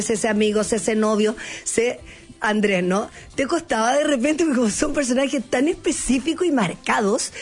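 Host, husky voice, long rambling questions, chatty interview. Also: mid-range voice. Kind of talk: casual interview talk.

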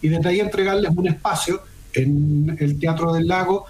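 Man, higher voice, formal. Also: fairly even intonation, moderate pace, a little mellow, rough recording. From Chile. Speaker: theater foundation director. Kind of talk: remote interview answers. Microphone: video call.

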